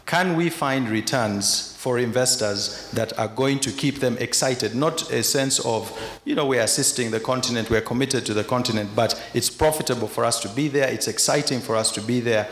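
A man's voice: medium pitch, normal speed, hardly any pauses. A man from Uganda speaking as a panelist at a conference, making a candid, argumentative case with frequent restarts. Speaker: panelist, investor. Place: large conference hall with audience. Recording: echoey hall, faint noise.

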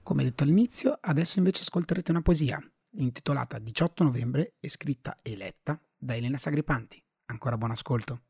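Husky man announcing the next piece. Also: mid-range voice, a little fast, few pauses, darkish tone, no echo, clean studio sound. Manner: brief, plain announcing. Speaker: podcast host. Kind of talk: introducing the next reading.

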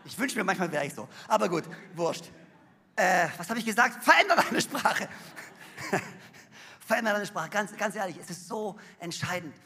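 A man preaching a sermon on stage, energetic and emphatic, with rhetorical questions and a husky edge. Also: sits high, moderate pace. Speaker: pastor. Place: large church hall on stage. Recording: reverberant hall.

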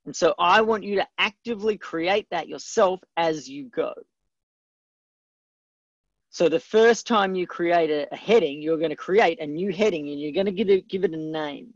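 A man's voice: high-pitched, moderate pace, no room sound. A man hosting a live webcast, teaching in an emphatic, conversational way and answering viewer questions. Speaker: webcast host and book coach. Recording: dry, slightly dull webcast audio.

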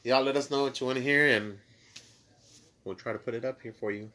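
While high, a man with a Mexican accent and Spanish as his first language co-hosts a podcast, talking a little fast in a loose, rambling way packed with fillers. It's casual conversation.

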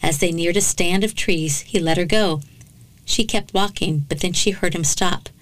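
The speaker is a woman whose voice runs on the low side, talking at normal speed on a low-quality recording. Hosting a true crime podcast, she dramatizes a case and breaks away for sarcastic, blunt asides.

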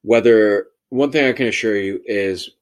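A man's voice: fairly low pitch, moderate pace. A man arguing a theory in a casual, conversational debate, emphatic and repeating phrases to drive points home. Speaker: podcast debater.

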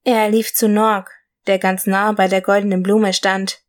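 A woman's voice: medium pitch, flat delivery, measured pace. Woman reading a fairy tale aloud. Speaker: storyteller.

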